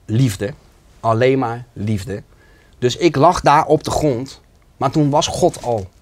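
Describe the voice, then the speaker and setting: A man's voice: medium pitch, slow pace. Man, interview guest, earnest and emotional personal testimony.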